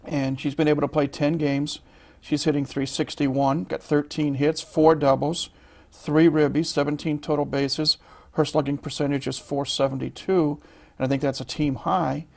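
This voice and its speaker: A man's voice: fairly high pitch, flat delivery, creaky. A man hosting a college sports interview show, reading player statistics with frequent fillers and restarts. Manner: reads stats haltingly with many fillers. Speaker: host.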